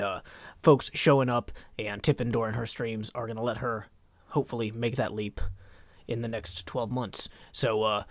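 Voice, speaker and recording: Male livestream host, rasping put-on character voice, rambling and chatty, mid pitch, dry close boom mic. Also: no echo. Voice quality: raspy, strained put-on character voice. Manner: rambling, chatty, talks to chat while working on a build. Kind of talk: casual livestream chat, reading out viewer comments. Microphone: boom microphone.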